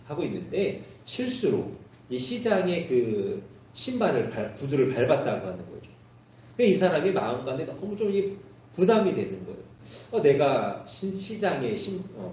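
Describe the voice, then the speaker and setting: A male pastor giving a sermon, telling a story in an expressive, animated way inside a church sanctuary. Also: medium pitch. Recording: very echoey church hall, mic far off.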